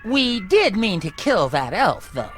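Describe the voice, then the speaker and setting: A self-important little ringleader of hell in a video game. The delivery is prim and officious with animated pitch, set over music. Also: a little slow. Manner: officious, pompous. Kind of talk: video game character acting. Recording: music behind the voice.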